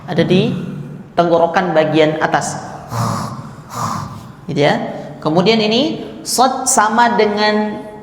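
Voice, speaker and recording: A man's voice: high voice, roomy sound, in a large hall, slight background noise. A man teaching Quran recitation, patiently explaining and demonstrating how each letter should sound. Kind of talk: tahsin lesson on letter articulation. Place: mosque.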